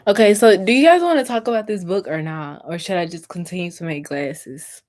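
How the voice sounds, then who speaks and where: A woman's voice: fairly low pitch, brisk, darkish tone. A young woman hosting a livestream, chatting directly to her viewers and reading aloud from a book with a few stumbles over words. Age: young adult. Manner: chatty, talks straight to viewers. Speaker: livestream host. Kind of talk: casual livestream chat.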